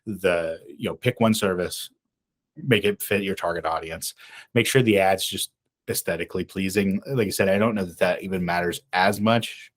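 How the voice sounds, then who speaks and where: A man with a fairly low voice talks through ad design on a casual podcast. He wanders, restarts his sentences and fills gaps with ums. Now and then he laughs at himself. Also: normal speed. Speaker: podcast co-host. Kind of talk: casual podcast chat about advertising.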